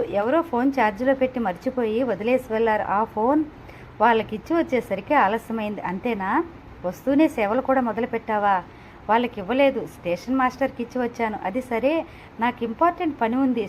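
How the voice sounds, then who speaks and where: Woman reading a novel, slightly higher voice. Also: darkish tone, a little hiss or hum. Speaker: audiobook narrator. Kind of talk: reading a novel aloud, voicing all characters. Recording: slightly dull, lo-fi home recording.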